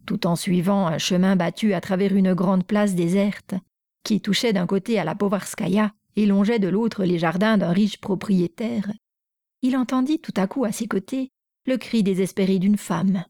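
Woman, audiobook narration, measured and even, mellow dark tone, dry close sound. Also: medium pitch, no room sound. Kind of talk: audiobook reading of a classic novel.

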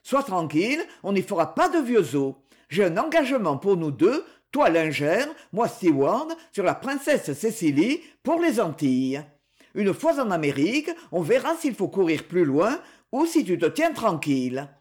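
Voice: medium pitch, sing-song, normal speed, close to an everyday voice. A reader voicing a brutal, vengeful man who makes cold threats in a hard, blunt manner, in a French audiobook. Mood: threatening. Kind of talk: audiobook character voice.

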